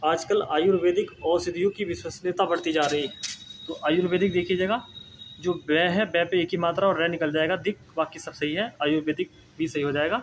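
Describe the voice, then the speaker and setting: A man's voice: a little high, fairly even intonation, fairly quick, a little hiss or hum. A young man teaching Hindi spelling for exam prep. He repeats words and keeps checking in with his students. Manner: explains patiently, repeats words, often says "ठीक है ना".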